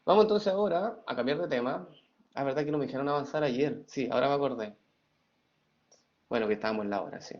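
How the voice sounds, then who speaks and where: A man's voice: medium pitch, quick pace, pauses often, darkish tone. A middle-aged man, teaching an online class, reading students' chat messages aloud in a playful way and then lecturing. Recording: dull lo-fi sound.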